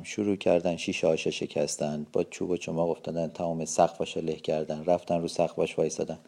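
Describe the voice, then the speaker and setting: A man's voice: low voice, vocal fry, mellow. A man giving a personal eyewitness account, telling it vividly with tense quoted dialogue.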